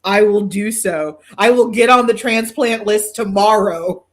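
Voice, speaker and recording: A woman hosts a podcast in casual chat, her mid-range voice at a measured pace. She swears freely and pokes fun at herself with dramatic exaggeration.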